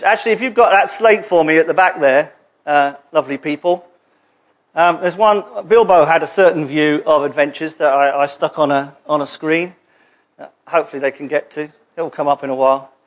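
A man preaching a sermon in a church hall, conversational and jokey, with asides to the congregation. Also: on the high side.

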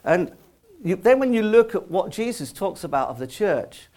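London preacher, higher-pitched man's voice. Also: big pitch swings, moderate pace, darkish tone. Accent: London Estuary English. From London, England. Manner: informal, chatty, lightly joking. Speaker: visiting preacher. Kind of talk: conversational sermon.

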